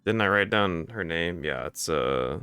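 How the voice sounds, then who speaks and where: A man's voice: low-pitched, expressive, a little slow, bright, forceful tone, clear, resonant tone, dry recording. A man streaming a video game with casual, informal commentary, muttering reactions as he goes. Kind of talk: casual live gameplay commentary.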